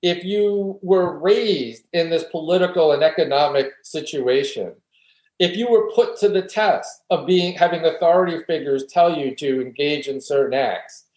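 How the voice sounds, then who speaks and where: In an interview recorded with a roomy echo, a male philosophy guest earnestly lays out his argument step by step in a reflective, conversational way. His voice sits on the high side, a little mellow, at a normal speed.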